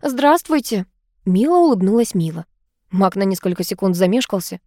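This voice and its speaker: A woman narrating an audiobook in a lively, dramatic way. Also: mid-range voice, fairly quick, no room sound, studio quality.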